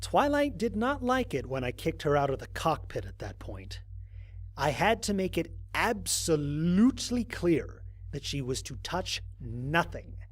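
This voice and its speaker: In an audio drama, a man plays a weary, wry human astronaut narrating his mission log, telling it in a dry, expressive storytelling style. His voice is on the high side, and there's no echo.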